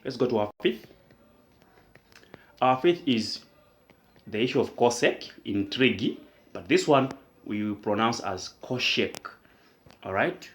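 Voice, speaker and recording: A man with an expressive, mid-range voice tutors math at a whiteboard, working through each step. He poses questions to himself and answers them, explaining slowly, deliberately, and with plenty of repetition.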